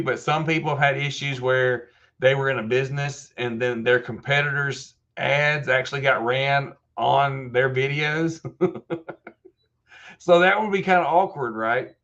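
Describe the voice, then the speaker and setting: A man in his fifties, hosting a live help desk stream, answers questions step by step in a casual way, often restarting. His mid-range voice has a sharp tone, and the sound is lo-fi.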